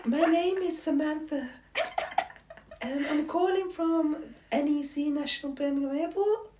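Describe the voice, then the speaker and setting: A man's voice: very high-pitched, moderate pace, voice pushed up. A man putting on the voice of a prim young woman calling from an airline, in a polite, formal phone-agent tone. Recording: echoey room with background noise.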